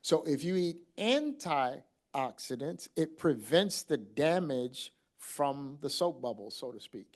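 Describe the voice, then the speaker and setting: A man from Mississippi giving an animated, conversational conference talk as a kidney doctor, acting out what he tells patients. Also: on the high side.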